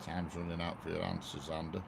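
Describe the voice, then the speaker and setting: Streaming live beside a railway line, this Lancashire-accented man from northwest England talks in a low, gravelly, fairly flat voice at a slightly fast pace. He's casual, laughs a lot and greets viewers by name over noisy outdoor audio.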